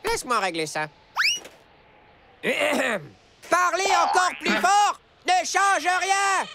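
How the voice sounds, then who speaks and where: A woman's voice: very high voice, expressive, drawn-out words, very noisy, full character voice. A woman voicing a grumpy, comfort-loving cat sidekick in a children's cartoon, complaining theatrically. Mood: exasperated. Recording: music behind the voice.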